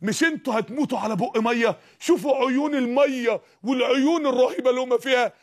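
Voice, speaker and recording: A man with an Egyptian Arabic accent preaching a fiery sermon, firing rhetorical questions and rising to shouts. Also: very high voice, fast.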